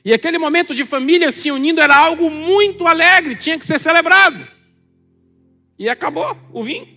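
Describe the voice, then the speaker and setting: Brazilian male preacher, high and sharp-toned, animated sermon delivery, reverberant hall. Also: fairly quick, creaky. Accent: Brazilian Portuguese. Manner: animated, acts out quoted voices. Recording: long hall reverb with faint music.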